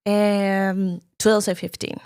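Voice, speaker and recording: A woman's voice: mid-range voice, flat delivery, slow pace, a little mellow, smooth. A woman in her thirties from Venezuela, a native Spanish speaker with a Venezuelan Spanish accent, chatting as a podcast guest and telling her story with many fillers. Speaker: guest filmmaker. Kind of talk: casual podcast chat. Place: podcast studio room.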